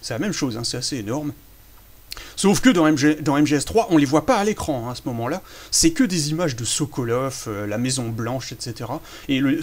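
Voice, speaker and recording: A man chatting casually through a behind-the-scenes commentary on his own fan film, self-amused and full of hesitations. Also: mid-range voice.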